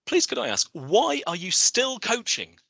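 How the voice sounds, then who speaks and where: A man hosts an online coaching webinar with slides over a video call, speaking enthusiastically and animatedly and often restarting his phrases. His voice is very high-pitched and husky, his pace unhurried, and the recording is dry.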